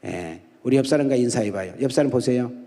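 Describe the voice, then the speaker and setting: A fast-talking middle-aged man with a warm, medium-pitched voice guest-preaches at a dawn prayer service. His sermon is humorous and full of stories, with frequent call-and-response quizzing of the congregation. The large church hall makes the recording echoey.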